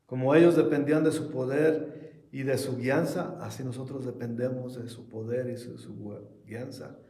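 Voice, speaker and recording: A man's voice: mid-range voice, steady tone, normal speed, warm tone, reverberant. A man preaching an earnest Sunday Bible study sermon as pastor. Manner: earnest preaching, ending in prayer.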